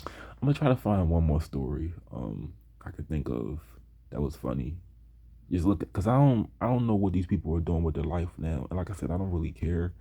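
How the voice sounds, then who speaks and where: A young man casually telling stories about high school, laid back and slow, now and then mimicking his classmates' voices. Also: lively intonation, creaky, dark tone, breathy edge. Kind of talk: casual storytelling.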